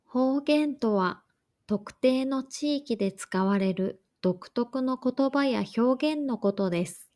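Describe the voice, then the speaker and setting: A woman reading a scripted lesson for learners in a slow, careful, even way. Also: high voice. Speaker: language teacher.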